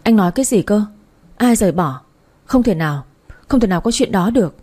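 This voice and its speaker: A heartbroken young wife, tearful and pleading, in a spoken storybook, as a woman narrator puts her on. The voice is soft and husky with a mellow tone. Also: mid-range voice, lively intonation, fairly quick, lightly acted. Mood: disbelieving. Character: grieving young woman who lost pregnancy.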